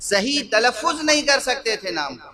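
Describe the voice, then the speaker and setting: A man's voice: very high-pitched, very animated, sharp tone, slight background noise. A middle-aged man preaching a sermon as a cleric, repeating phrases for emphasis and putting rhetorical questions to his listeners. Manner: rhetorical questions to the audience, emphatic repetition, slows down to stress words. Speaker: Shia cleric giving a majlis sermon.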